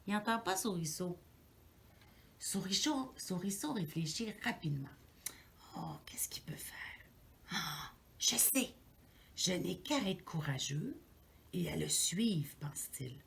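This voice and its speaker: Animated Québécois woman telling a children's story. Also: mid-range voice, gravelly, a little hiss or hum. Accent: Québécois French. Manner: animated, with gasps and asides to young listeners. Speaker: daycare educator. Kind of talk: reading a picture book aloud to children.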